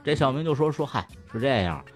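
A man's voice: mid-range voice, big pitch swings, quick pace. Guy cracking dirty jokes, voice swings all over, cusses a lot, faint music behind. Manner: swears freely, laughs loudly at his own jokes. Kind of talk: casual chat, telling jokes.

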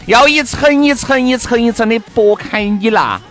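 A man's voice: extremely high pitch, normal speed, a bit bright, faint music behind. A man with a Sichuan accent hosting a radio show in a jokey, teasing way. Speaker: radio host. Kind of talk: bantering talk show chat.

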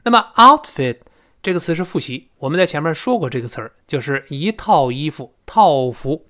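Male English teacher with a fairly high voice, drilling phrases slowly in a recorded lesson. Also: expressive, bright, forceful tone.

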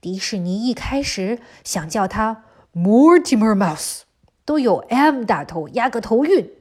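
Slow, very lively woman telling children stories. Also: fairly high pitch, husky. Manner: animated, explaining to young children, with rhetorical questions. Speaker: storyteller of a children's history podcast. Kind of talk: children's storytelling narration.

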